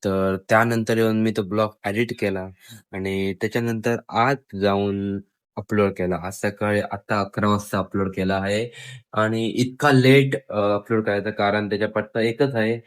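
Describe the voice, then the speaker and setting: A man's voice: fairly low pitch, flat delivery, moderate pace, clear, resonant tone. A young man with a Marathi accent, chatting casually to his viewers in a daily vlog. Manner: chatty, addresses viewers as friends. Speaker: vlogger.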